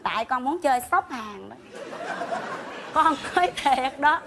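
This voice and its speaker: A woman's voice: high-pitched, animated, measured pace, background noise. A woman playing a cheeky, wisecracking pregnant village girl with a Southern Vietnamese accent in a stage comedy sketch. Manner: sassy, wisecracking southern talk.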